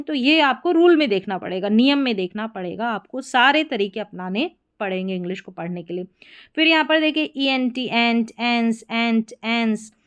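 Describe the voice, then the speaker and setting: Woman teacher, patient, repetitive, slightly high voice, spelling lesson. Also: smooth. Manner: patient, repeats points and checks with "theek hai". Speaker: English teacher. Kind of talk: explaining spelling rules in a lesson.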